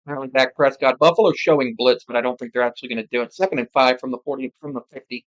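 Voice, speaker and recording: Here an amateur commentator, sex not evident from the voice, races through casual live football play-by-play very fast, muttering asides and correcting themselves. The mid-range voice stays steady, and the sound is lo-fi.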